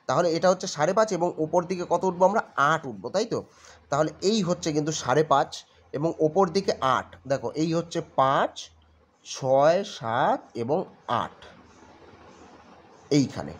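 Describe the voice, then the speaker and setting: পশ্চিমবঙ্গের বাংলা টানে একজন পুরুষ গণিত শিক্ষক ধৈর্য ধরে ধাপে ধাপে অঙ্ক বোঝাচ্ছেন আর বারবার জিজ্ঞেস করছেন ছাত্ররা বুঝল কিনা।. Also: male voice, on the high side. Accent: West Bengal Bengali. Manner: patient, keeps checking understanding with "got it?". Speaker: maths tutor. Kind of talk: step-by-step maths lesson.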